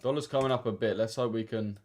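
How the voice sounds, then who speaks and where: Jeune homme à l'accent de l'Essex, bavard, voix un peu grave. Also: male voice, lowish voice, quick pace, a little mellow. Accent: Essex English. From Essex, England. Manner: slangy, chatty, addresses chat directly. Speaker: trading livestreamer. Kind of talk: casual livestream chat.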